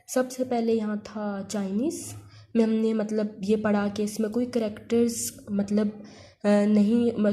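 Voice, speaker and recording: A woman's voice: mid-range voice, mellow, slight background noise. A woman teaching an online language lesson, patiently repeating points and mixing in English terms. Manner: mixes Hindi-Urdu with English terms.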